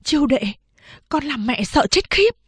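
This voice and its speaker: A woman's voice: sits high, sing-song, measured pace, no echo, studio quality, voice pushed up. A woman voicing a frightened, stern mother who speaks sharply and anxiously in an audiobook.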